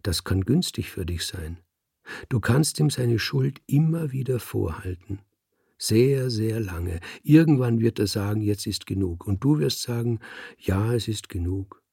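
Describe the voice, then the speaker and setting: A sly scheming tomcat with a husky, gravelly voice, put on by a man reading an audiobook. He coaxes and insinuates, pitched a little low. The sound is close and dry. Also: lively intonation, unhurried, warm tone, no echo, heavily acted. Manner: coaxing, insinuating. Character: scheming male house cat, sly adviser.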